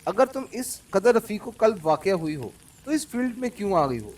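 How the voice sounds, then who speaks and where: A man's voice: high voice, a little fast, recorded from a distance, voice pushed up. A man playing a cold, witty male secret agent. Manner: calm and cold, mocking laughter. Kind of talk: audiobook character reading.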